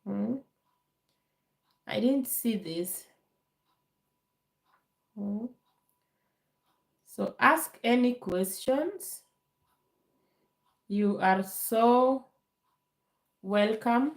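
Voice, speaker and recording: A Kenyan woman hosts a livestream Q&A, her slightly high, creaky voice still recovering from a bad cold. Calm and slow, she laughs often and uses many fillers, recorded on a phone held to camera in an echoey room.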